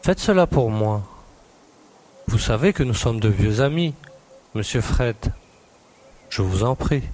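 An actor playing an eager, insistent young newspaper reporter who presses and pleads to be let in. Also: male voice, medium pitch, lively intonation, unhurried, long pauses, darkish tone. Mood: pleading. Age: young adult.

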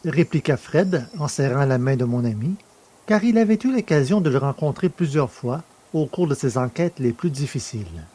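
A man narrating a story in the first person, in a measured storytelling manner. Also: mid-range voice, expressive, warm tone, breathy edge.

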